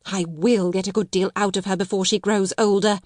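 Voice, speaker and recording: A woman's voice: mid-range voice, level tone, fairly quick, darkish tone, dry recording, close to an everyday voice. Woman playing a fierce, commanding schoolmistress, dry sound. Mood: furious. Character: stern, bitter, domineering schoolmistress, cold older sister.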